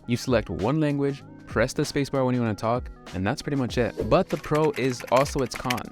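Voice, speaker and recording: A man of middle pitch hosts a tutorial video, reading a scripted walkthrough. He explains each step clearly and in order. Soft music plays faintly underneath. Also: a little fast. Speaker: video host.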